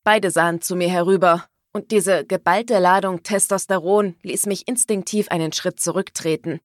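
A woman's voice: lowish voice, steady tone, moderate pace, dry recording, studio quality. A woman narrating a first-person audiobook expressively, giving her own lines a feisty edge.

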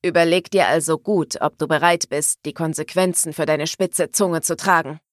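A woman voicing a menacing, dominant gangster man with a rough, low voice, speaking slowly and threateningly. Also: steady tone, no room sound, clean studio sound, natural voice.

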